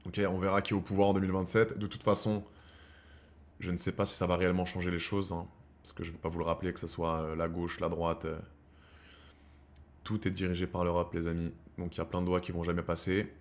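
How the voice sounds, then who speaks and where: He's a streamer in his thirties, talking fast in a low voice with little pitch movement. Casual and slangy, he rambles to viewers he calls brothers, shifting from heated rants to quiet thoughts.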